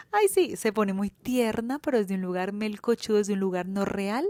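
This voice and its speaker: A woman's voice: medium pitch, steady tone, normal speed, a little mellow, no room sound. A young Colombian woman with a Colombian accent, speaking candidly and colloquially in a reflective personal monologue as a podcast host, swearing freely.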